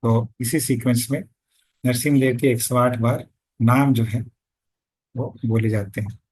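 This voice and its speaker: A man teaching a devotional lesson, chanting sacred names in slow measured recitation and explaining them in between. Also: medium pitch, steady tone, darkish tone, husky. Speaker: scripture teacher.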